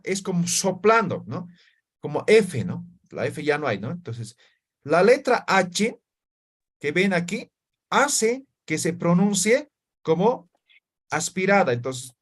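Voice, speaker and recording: A man teaching an online language class, explaining patiently, demonstrating sounds slowly and checking in with his students often. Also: a little high.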